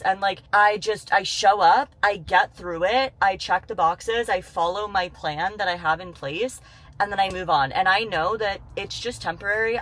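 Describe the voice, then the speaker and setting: A woman's voice: medium pitch, fairly bright tone, poor audio. A young woman in her twenties, a fitness coach, talking casually to camera in a vlog, candid and full of fillers like "like". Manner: chatty, candid, lots of fillers. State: out of breath after cardio. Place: gym, then outdoors by a road.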